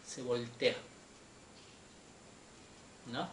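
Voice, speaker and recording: A man teaching Hebrew grammar in a Torah class, slow and patient, often checking that his students follow. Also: mid-range voice, fairly bright tone. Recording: echoey room with faint noise.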